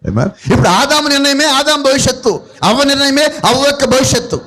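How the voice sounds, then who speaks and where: A man's voice: very high-pitched, expressive, brisk, fairly bright tone. A man with a Telugu accent preaching a sermon to a congregation, asking them questions and answering them himself. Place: church gathering.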